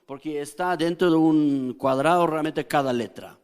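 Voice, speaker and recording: A male pastor with a fairly high voice and clean tone gives a teaching sermon, explaining slowly and carefully while often putting quick questions to the congregation. A long reverb from the church hall surrounds his voice.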